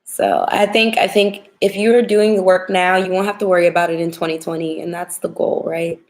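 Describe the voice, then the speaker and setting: Smoky, creaky young woman with a cold. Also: lowish voice, level tone, fairly quick. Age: young adult. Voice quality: smoky, husky whiskey voice. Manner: chatty, informal, addressing viewers directly. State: getting over a cold. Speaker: tarot reader hosting a livestream. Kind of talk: casual livestream chat. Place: home kitchen, indoors.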